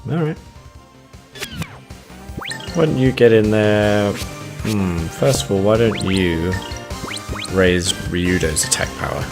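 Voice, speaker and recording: A man with a low voice plays through a video game and comments casually as he goes. He talks like a let's play host, with game music running behind him. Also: slow, pauses often. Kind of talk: casual game commentary, reading game dialogue aloud.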